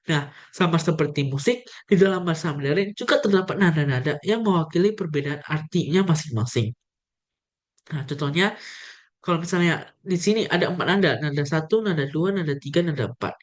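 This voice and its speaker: Young woman, slightly low voice; casual language teacher addressing viewers directly. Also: fairly quick. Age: young adult. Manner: friendly, addresses viewers directly, demonstrates tones. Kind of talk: casual video lesson.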